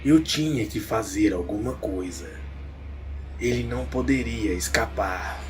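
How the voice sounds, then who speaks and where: Male horror narrator, low voice, very slow and suspenseful, faint hiss. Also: faint music behind. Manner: slow, grave, suspenseful reading. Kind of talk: dramatic storytelling.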